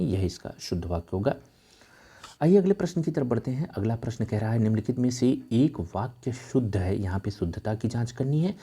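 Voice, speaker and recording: A man's voice: medium pitch, husky. A man tutoring for a Hindi exam, reading out quiz questions and options, then explaining each answer. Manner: lively, patterned quiz reading with stressed option letters.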